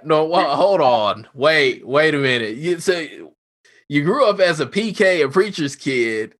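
Playful, animated male interviewer. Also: on the high side, measured pace. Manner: playful, animated, acts out quotes. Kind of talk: casual interview talk.

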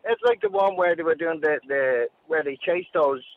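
A man's voice: on the high side, wildly swooping pitch, moderate pace, creaky, crowd noise. A man with a Dublin accent, calling a radio phone-in and arguing his point in casual chat. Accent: Dublin Irish. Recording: tinny narrow phone line.

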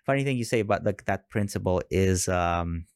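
A man with a low voice talks earnestly in a relaxed podcast conversation. He stresses his points by repeating key words. The recording is close and dry. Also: normal speed, dry recording. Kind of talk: casual chat.

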